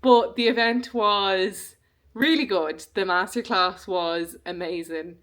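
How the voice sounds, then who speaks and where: A woman's voice: medium pitch, takes it slowly, a bit bright. A young woman chatting casually to camera in a vlog, rambling along with frequent ums. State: hiccuping. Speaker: beauty vlogger.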